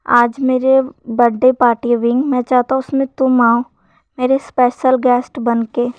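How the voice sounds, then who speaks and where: A woman's voice: a little high, level tone, moderate pace, no echo, close to an everyday voice. Woman reads possessive schemer, young man, plain storybook delivery, dry and muffled. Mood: coaxing. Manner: read in a plain narrating voice, softer when plotting. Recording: dull lo-fi sound.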